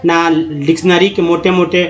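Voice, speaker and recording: A man teaching English pronunciation in Hindi, reading words out slowly one by one and explaining how each is said. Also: high-pitched, flat delivery, muffled recording. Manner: drawn-out dictation of words, then explanatory chat. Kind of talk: slow word-by-word pronunciation lesson.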